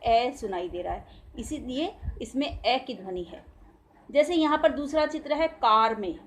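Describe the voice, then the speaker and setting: High-voiced teacher drawing out syllables. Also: female voice. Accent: Indian Hindi. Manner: slow, drawn-out sounding of syllables for children to repeat. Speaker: school teacher. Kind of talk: recorded Hindi grammar lesson for young children.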